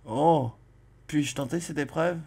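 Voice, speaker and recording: Slow-talking man doing game commentary. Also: fairly high pitch, creaky, breathy edge. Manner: chatty, jokey, exclaims loudly in surprise. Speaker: let's play host. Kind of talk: let's play commentary, reading game dialogue aloud.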